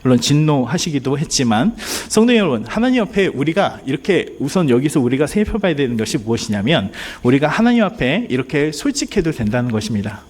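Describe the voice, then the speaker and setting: A man's voice: a little high, sing-song, fairly quick, few pauses, a little mellow. A man preaching a sermon as pastor, earnest and speaking straight to the congregation, at times acting out pleading prayers. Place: church sanctuary.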